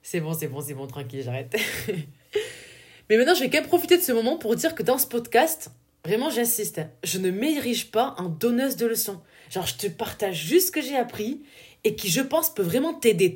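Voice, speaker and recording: Hosting her own laid-back podcast, a young woman with a southern French accent talks chattily, leans on filler words, and laughs at herself. She has a medium-pitched, slightly mellow voice.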